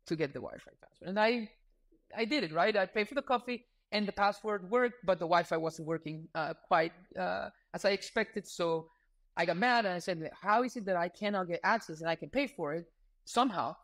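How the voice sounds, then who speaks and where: A man's voice: sits high, fairly quick. Thirties guy from ecuador, founder on a podcast, easygoing, lots of ums. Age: 30s. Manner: relaxed, earnest storytelling with frequent fillers. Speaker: podcast guest, startup founder. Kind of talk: casual interview talk.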